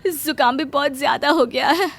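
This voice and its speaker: महिला द्वारा सर्दी से परेशान बहू. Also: female voice, high-pitched, normal speed, faint music behind, close to an everyday voice. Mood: complaining. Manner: pleading, complaining. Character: young daughter-in-law with a cold, weary.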